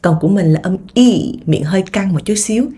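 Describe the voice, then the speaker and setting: A young Vietnamese woman teaches English vocabulary in Vietnamese, drilling each word slowly and then explaining quickly. Her medium-pitched voice sounds mellow and husky.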